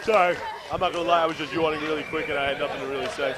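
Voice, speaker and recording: A man's voice: a little high, steady tone, racing, crowd noise. A man giving color commentary on a wrestling match, rambling and crude.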